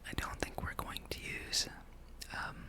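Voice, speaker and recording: Close to the mic, a gaming host whispers the whole time, soft and breathy. They muse their way through gameplay in a relaxed, unhurried ASMR ramble.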